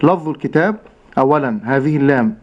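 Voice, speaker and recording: A man teaching Quran recitation step by step, slowly drawing out each model pronunciation with patience. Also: mid-range voice. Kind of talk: step-by-step tajweed instruction. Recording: dull lo-fi broadcast sound.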